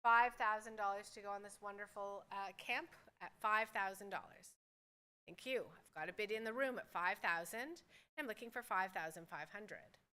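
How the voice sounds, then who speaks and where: A woman's voice: mid-range voice, moderate pace, sharp tone, clear, resonant tone. A woman working as a fine art auctioneer, calling bids at a live sale in a formal, courteous way and repeating the figures.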